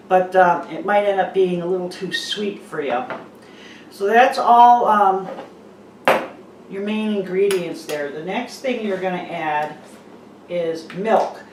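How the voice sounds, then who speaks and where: Woman cooking host, relaxed and chatty, big kitchen echo, mic set back from her. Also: mid-range voice, slight background noise. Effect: big echo of a bare kitchen. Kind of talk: casual recipe demonstration. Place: half-packed, empty-sounding home kitchen. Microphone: camera mic from a distance. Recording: echoey room, voice far from the mic.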